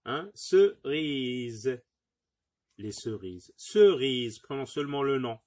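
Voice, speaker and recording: Man teacher, husky, unhurried; sounds out words by syllable for young pupils. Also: medium pitch, big pitch swings, a little mellow. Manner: repeats words slowly, syllable by syllable; patient, encouraging, addresses pupils directly. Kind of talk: phonics lesson for young pupils.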